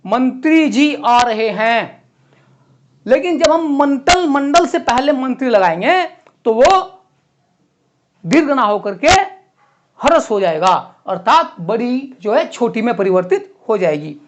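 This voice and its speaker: A man teaching a lesson to exam students, writing on a board as he explains and repeating words slowly and clearly. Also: very high-pitched, big pitch swings.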